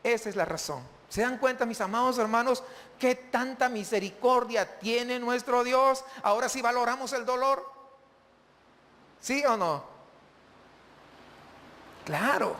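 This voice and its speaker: High-voiced pastor preaching in a hall. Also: male voice, a little slow, fairly bright tone. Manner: keeps asking the congregation questions. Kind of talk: sermon.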